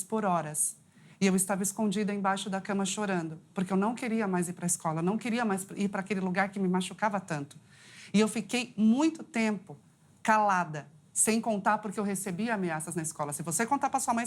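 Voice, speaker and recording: A woman, a psychologist guest on a talk show, telling a personal story in an earnest, heartfelt way. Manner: heartfelt, earnest storytelling with rising pitch at climaxes.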